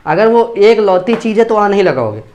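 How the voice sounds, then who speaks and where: A man's voice: high voice, big pitch swings, moderate pace, darkish tone. A male English teacher, giving a classroom grammar lesson and checking understanding again and again. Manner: repeats points and checks understanding often.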